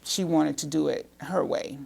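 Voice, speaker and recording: A woman's voice: sits low, moderate pace, vocal fry, a little mellow, breathy edge. A woman in her fifties from the Bahamas, a guest telling her story plainly and earnestly in a studio interview. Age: 50s. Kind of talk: talk show interview.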